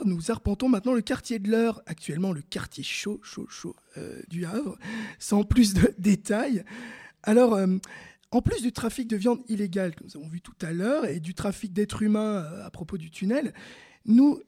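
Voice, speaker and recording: A male presenter leads a mock documentary in a soft, mellow tone with a husky edge. He hesitates often and fills his pauses with fillers. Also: sits high.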